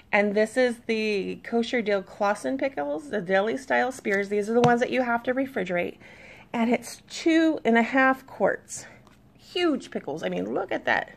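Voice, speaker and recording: A woman in her thirties, a mom chatting casually to camera about her shopping haul, easygoing and reading labels aloud. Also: a little high.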